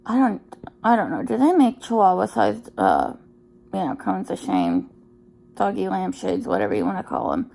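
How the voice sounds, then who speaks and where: A woman's voice: medium pitch, sing-song, normal speed, gravelly, mellow. A woman talking in a casual, rambling personal vlog, sounding weary and emotionally drained, hesitant and often trailing off. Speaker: vlogger sharing daily health updates.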